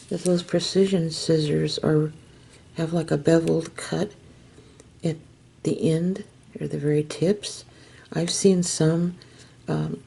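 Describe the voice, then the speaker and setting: A woman hosting a craft tutorial, explaining each step gently and unhurriedly, sometimes dropping to a soft whisper as she works. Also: sits low, gravelly, slightly rough.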